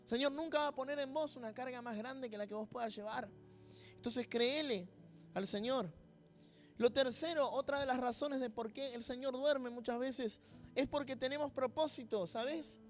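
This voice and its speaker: High, bright-voiced Argentine pastor preaching. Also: male voice. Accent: Rioplatense Spanish. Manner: storytelling, acts out voices, humorous asides. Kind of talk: sermon with personal story.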